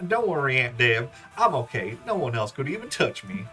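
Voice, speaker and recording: A man's voice: mid-range voice, sing-song, moderate pace, pushed and bright, faint music behind. A man voicing an earnest, insecure young monster in a video game. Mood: reassuring.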